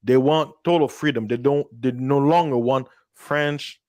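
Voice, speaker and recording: A man explains world events in casual talk, telling a story with animated energy and slipping into voices for the people he quotes. His voice sits at an ordinary middle pitch. The sound is dry and close, with no room around it. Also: unhurried, dry recording. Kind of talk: casual political discussion.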